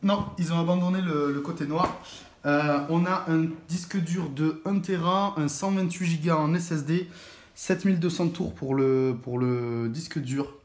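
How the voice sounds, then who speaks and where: Unboxing a laptop, a young man chats casually in a slightly high, unhurried voice, hesitating often and full of fillers and restarts. Faint noise and echo from the room are audible.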